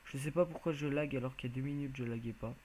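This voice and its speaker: A man's voice: medium pitch, fast, a little mellow, a little hiss or hum, poor audio. A man giving casual, rambling commentary as he plays a video game, hesitant and full of filler sounds. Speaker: video game let's player.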